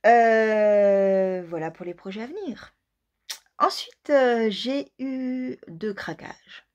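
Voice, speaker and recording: A woman's voice: fairly high pitch, slow, dull audio. A woman hosting a knitting video podcast, chatting casually and self-mockingly, often dropping to murmured asides under her breath. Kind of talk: casual chat.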